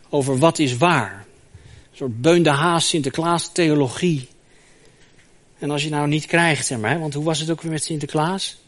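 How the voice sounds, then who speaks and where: A man preaching a sermon in a lively, emphatic way, asking the congregation rhetorical questions. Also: fairly high pitch. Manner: lively and emphatic, with rhetorical questions and a recurring "zeg maar" filler.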